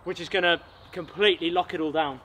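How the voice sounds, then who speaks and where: A man's voice: a little high, steady tone, fast talker, a bit bright, a little hiss or hum. Enthusiastic man outdoors in a forest. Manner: enthusiastic, explains while working. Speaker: bushcraft channel host. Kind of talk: casual outdoor vlog talk. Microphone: camera mic, sometimes far off.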